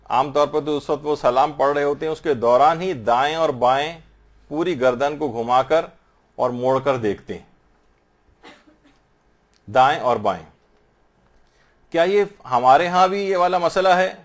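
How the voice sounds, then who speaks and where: A man giving a religious lesson on prayer, patiently explaining and slowly drawing out Arabic phrases to show correct pronunciation. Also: a little high. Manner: slow drawn-out demonstrations of Arabic pronunciation. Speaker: religious teacher.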